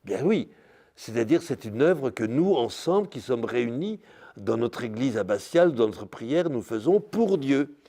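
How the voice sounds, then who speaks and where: An older priest lectures at an unhurried pace. His voice is dark and mellow, and his pitch moves a lot as he stresses words. He pauses often and fills the gaps with "hein" and "euh". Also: sing-song. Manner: slow, searching delivery with many "hein" and "euh". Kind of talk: spiritual lecture. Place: parish hall or church.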